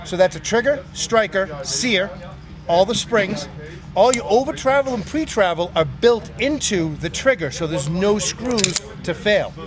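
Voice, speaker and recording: A man explaining the parts of his pistol in a halting, detailed way. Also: sits high, animated. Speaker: gun owner showing his pistol. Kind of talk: technical explanation.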